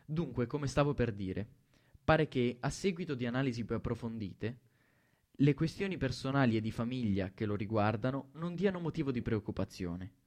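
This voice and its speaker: A man voicing a stern, formal male teacher who speaks in measured phrases. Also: medium pitch, animated, darkish tone, lightly acted.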